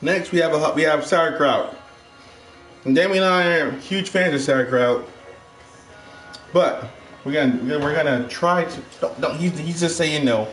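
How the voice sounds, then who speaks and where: A man's voice: fairly high pitch, unhurried, long pauses, fairly bright tone. Upbeat man hosting a kitchen cooking show. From Ohio. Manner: upbeat, chatty, addresses viewers as guys. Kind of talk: casual cooking demo. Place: home kitchen, indoors. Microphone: far camera. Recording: echoey kitchen with music behind.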